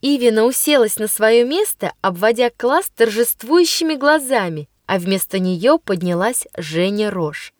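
Expressive woman reading a story. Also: fairly high pitch, unhurried, few pauses, no room sound, clean studio sound. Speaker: audiobook reader. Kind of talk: scripted narration.

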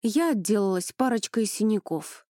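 A woman narrating a first-person fantasy audiobook in an expressive, dramatic manner. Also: medium pitch, moderate pace, dry recording, clean studio sound.

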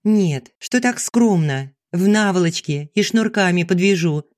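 A man's voice: sits high, expressive, a little slow, dry recording, clean studio sound, pitched above the performer's own voice. A man reading an audiobook, voicing an exuberant young female student who jokes with her friends. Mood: playful. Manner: playful, exuberant. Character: lively, boisterous young woman, a boxer.

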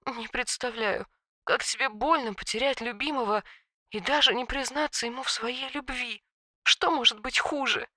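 A woman's voice: medium pitch, normal speed, dry recording, clean studio sound, close to an everyday voice. Woman voicing a weeping dramatic dragoness. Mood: tearful hushed. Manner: sobbing, hushed and theatrical. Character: grieving tearful female dragon, dramatic.

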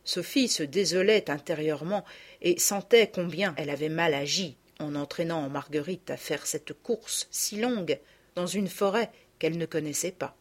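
A woman narrating a classic children's story in a calm, measured reading voice. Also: deep voice.

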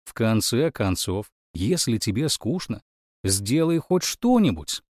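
A man voicing a calm, clever boy who reasons politely with a wry edge. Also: mid-range voice, measured pace, no echo, studio quality. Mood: reasoning. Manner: polite, reasoning, mildly ironic.

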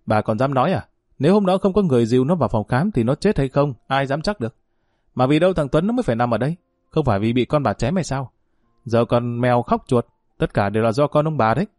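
A man voicing a sharp-tongued, quarrelsome older aunt in a spoken family drama. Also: medium pitch, expressive, no echo, clean studio sound, close to an everyday voice. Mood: scolding, furious. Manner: harsh, berating, rapid tirades.

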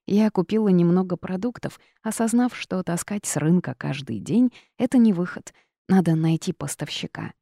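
A woman reading a first-person audiobook with lively, wry storytelling. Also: fairly low pitch, gravelly, no echo, studio quality. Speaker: audiobook narrator.

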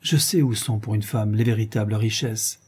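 A man's voice: lowish voice, moderate pace, darkish tone, slightly rough. A man reading an audiobook, voicing a proud, anxious young noblewoman in a hesitant, raised voice. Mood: coy.

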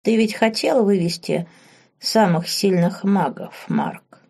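A woman voicing an ancient, half-mad witch, three hundred years old, who talks calmly one moment and shrieks the next. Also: mid-range voice, slow, vocal fry, husky, exaggerated voice. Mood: cold, knowing. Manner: shifts between calm, shrieking and cackling.

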